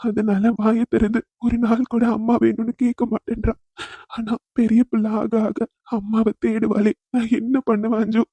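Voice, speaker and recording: Cartoon: tender widowed policeman, very dark, breathy voice, performer doing him. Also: medium pitch, completely flat delivery, moderate pace, dry recording. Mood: grieving. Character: grieving young police husband, tender. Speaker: widowed father. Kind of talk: cartoon voice acting.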